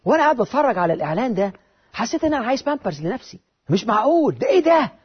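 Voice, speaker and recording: A man with an Egyptian Arabic accent giving a motivational talk, lively and rhetorical, with repeated phrases. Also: high-pitched, rapid-fire, breathy edge, highs cut off. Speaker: motivational speaker.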